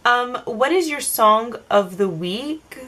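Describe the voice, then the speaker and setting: A woman's voice: fairly high pitch, lively intonation, takes it slowly, pushed and bright. A young woman vlogger answering random tag questions to the camera in a casual, rambling way, full of "like" and "um". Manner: chatty, filler-heavy, self-answering rambles.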